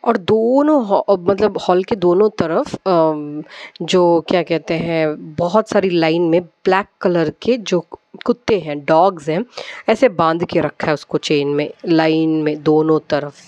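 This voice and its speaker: A woman's voice: lowish voice, a little slow, darkish tone, no echo, muffled recording. A woman on a devotional channel casually retelling a dream, rambling, with many fillers and English words mixed in.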